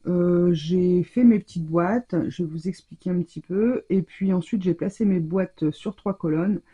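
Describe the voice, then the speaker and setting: A woman's voice: fairly low pitch, unhurried, warm tone, slightly rough, highs cut off. A middle-aged woman hosting a casual craft tutorial, chatting along with many fillers and hesitations as she shows her work. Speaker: crafting channel host.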